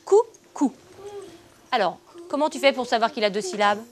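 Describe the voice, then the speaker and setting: A woman's voice: fairly high pitch, fast. A woman teaching a reading lesson to young children in a classroom, patient and encouraging, asking many questions. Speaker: primary school teacher. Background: children's chatter.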